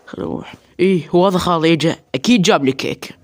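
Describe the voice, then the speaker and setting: A man's voice: fairly high pitch, racing. A man with an Iraqi Arabic accent acting out an improvised comic skit in several roles, hesitating and repeating his words. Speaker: comedy skit performer narrating game play. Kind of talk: improvised comic role-play skit, voicing several characters.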